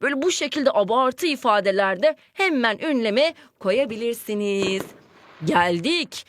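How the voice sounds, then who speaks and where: Woman, primary teacher: higher voice, dry close sound, lively questioning delivery for small children. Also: measured pace, dry recording. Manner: lively, questioning, acts out example sentences with exclamations. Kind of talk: classroom lesson for young children.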